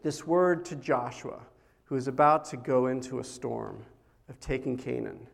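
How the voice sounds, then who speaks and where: A middle-aged man giving a conversational sermon as a pastor, telling stories in a casual, animated way with big swings in loudness. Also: mid-range voice, normal speed, creaky.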